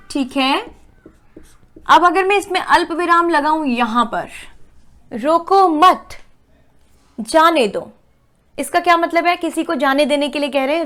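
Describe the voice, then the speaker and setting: A woman teacher explaining writing rules to students step by step, often checking that they follow, and slowing down to read example sentences aloud. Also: sits high, fairly bright tone. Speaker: Hindi teacher. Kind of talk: classroom explanation.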